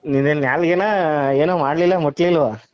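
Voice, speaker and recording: Smooth-voiced man answering a phone call. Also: on the high side, fairly even intonation, brisk. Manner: patient at first, then scolding, with frequent hums. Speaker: call recipient. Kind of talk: phone conversation. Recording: muffled phone call audio.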